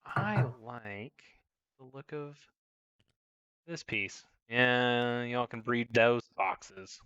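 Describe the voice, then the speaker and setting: A man's voice: mid-range voice, extremely slow, bright, forceful tone, smooth, no echo, muffled recording. A man talking through his own heavily compressed microphone, joking casually as he hosts a board game session. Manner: joking, self-mocking. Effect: compressed mic sound. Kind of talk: casual chat while playing a board game.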